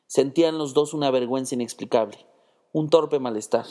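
Mellow-voiced man reading a story. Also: mid-range voice, a little fast. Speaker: narrator.

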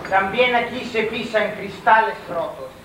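An actor playing a bitter, indignant blind poet in a declamatory stage drama. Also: male voice, high-pitched, a little slow, sharp tone. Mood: bitter indignation. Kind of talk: theatrical stage drama acting. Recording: echoey, distant, faintly noisy pickup.

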